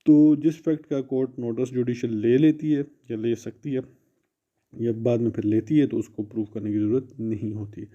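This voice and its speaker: A law lecturer with a Pakistani accent gives an explanatory exam-prep lecture, mixing Urdu and English and restating points in other words. His warm voice is medium-pitched, steady and at normal speed, captured in muffled, dull lo-fi audio.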